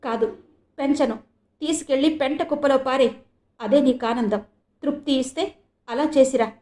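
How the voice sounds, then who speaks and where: A woman's voice: moderate pace, warm tone, close to an everyday voice. A woman voicing a distraught young mother who cries and pleads, from an audio novel. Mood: defiant. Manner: tearful, pleading, high-strung.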